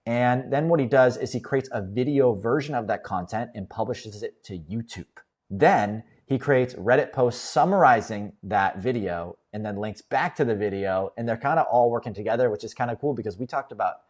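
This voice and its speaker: A young man hosting a casual screen-share tutorial, explaining each step in an upbeat, relaxed way. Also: medium pitch, normal speed, hardly any pauses. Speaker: host.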